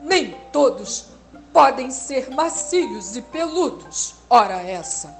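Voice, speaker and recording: Zelinda, a woman doing a loud brisk puppy. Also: high voice, big pitch swings, full character voice. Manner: loud and matter-of-fact. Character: brisk friendly little female dog. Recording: music playing underneath.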